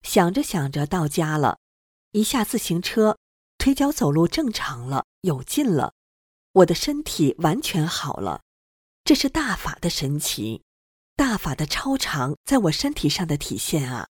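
A reader giving an earnest, steady first-person narration of a personal testimony. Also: medium pitch, measured pace, slightly rough, no room sound, clean studio sound.

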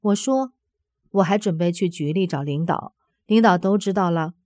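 A woman with a mellow, warm voice reads a first-person story aloud, earnest and steady. The sound is dry and close, with no room around it. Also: on the low side, normal speed, no room sound. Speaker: narrator reading a personal testimony.

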